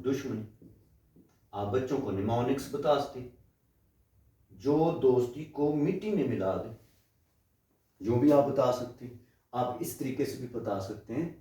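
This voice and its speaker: A man lecturing on linguistics, explaining patiently and posing questions to his listeners before answering them. His voice is dark and mellow. It comes from well back from the mic in a very echoey room. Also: mid-range voice, far from the mic. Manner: explanatory, asks rhetorical questions and switches into English phrases.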